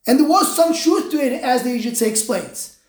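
A woman's voice: high-pitched, animated, normal speed, a little mellow. A woman with giving an explanatory religious lecture in an emphatic way, posing rhetorical questions. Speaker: religious teacher. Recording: roomy, echoing sound.

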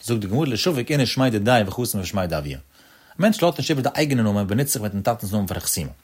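A man's voice: lowish voice, big pitch swings, very fast, breathy edge. Man lecturing in a lilting sing-song. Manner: addresses listeners directly as friends. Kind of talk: explanatory religious lecture.

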